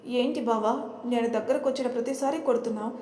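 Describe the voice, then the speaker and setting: A woman voicing a jealous young woman rival who shouts and accuses, in a roomy, echoey recording with faint noise. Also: a little high, fast, lightly acted. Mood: shrill accusing.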